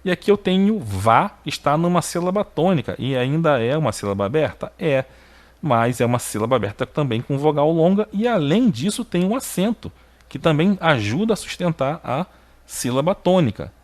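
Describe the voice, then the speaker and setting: A man giving a video lesson on biblical Hebrew. He is emphatic, keeps checking with short tags, and his pitch jumps up when he stresses a point. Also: sing-song, moderate pace. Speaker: Hebrew teacher.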